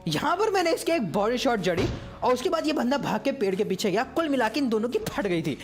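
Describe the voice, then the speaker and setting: A man giving casual, joking commentary over footage of his own mobile game match. He speaks at an ordinary pitch and keeps addressing viewers as brothers. Faint music plays under his voice. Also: big pitch swings, fast. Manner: chatty, teasing, keeps saying "bhai sahab".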